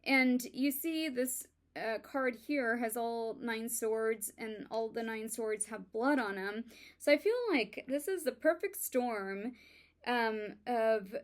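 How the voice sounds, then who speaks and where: A woman with a fairly high voice gives a casual tarot reading to viewers, speaking slowly and haltingly. Her talk is full of ums and likes, and she admits to stuttering.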